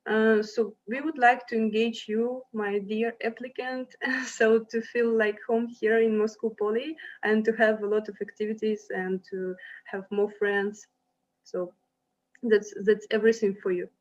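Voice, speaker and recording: A woman's voice: a little high, flat delivery, unhurried. A young woman from Ukraine presenting a university to applicants, friendly and hesitant with many fillers. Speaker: university representative. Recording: dull lo-fi sound.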